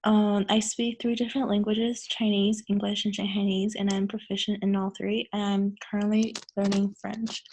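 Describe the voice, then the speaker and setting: A young woman from the United States giving a steady, formal student self-introduction. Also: medium pitch, normal speed, few pauses, a little hiss or hum, low-quality recording. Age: young adult. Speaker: student presenter.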